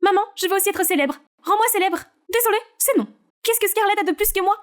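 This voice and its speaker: A woman's voice: very high-pitched, quick pace, pitched above the performer's own voice. Woman playing a bubbly, eager little sister. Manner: excited and pushy.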